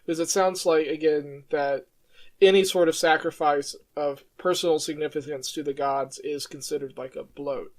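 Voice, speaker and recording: A man's voice: on the high side, fairly even intonation, normal speed, darkish tone. A man hosting an interview in a casual, rambling way, stammering and laughing between thoughts. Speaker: podcast host.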